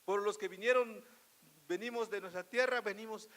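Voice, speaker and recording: A pastor with a notably high voice delivers an emphatic sermon, firing rhetorical questions at his congregation. His voice swings from loud outbursts to hushed asides. A long reverb trails each phrase, as in a church hall. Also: moderate pace. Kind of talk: Spanish-language sermon.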